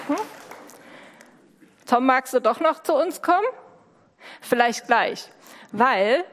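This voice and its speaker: A woman hosting an event, coaxing and chatting with children in a lively, warm manner. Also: mid-range voice. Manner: warm coaxing, speaks to kids directly. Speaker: host of a school-start service. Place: large hall with a crowd. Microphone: handheld microphone. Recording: long hall reverb, crowd murmur.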